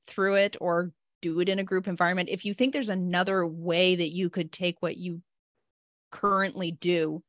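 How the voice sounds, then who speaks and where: A woman's voice: on the low side, a bit bright, no room sound, clean studio sound. A woman guest on a podcast giving easygoing, encouraging advice in casual conversation. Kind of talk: casual interview chat.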